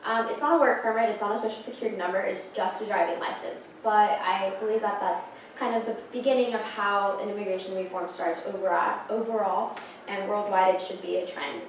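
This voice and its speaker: A late-teen Peruvian student presenter speaks earnestly in class, with many ums and restarts, heard through a far camera in a classroom with a projector screen. Her voice is medium-pitched, steady, and brisk, very echoey with slight background noise.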